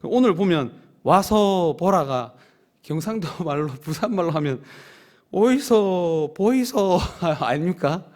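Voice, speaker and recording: A man preaching at a midweek prayer service in a church, swinging between loud emphatic peaks and soft low asides, and leading the congregation in call-outs. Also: expressive, measured pace. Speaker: pastor. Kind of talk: sermon. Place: church sanctuary.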